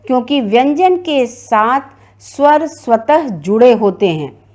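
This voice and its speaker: A woman's voice: sits high, darkish tone, muffled recording. A woman teacher giving a classroom grammar lecture, explaining step by step and repeating her points.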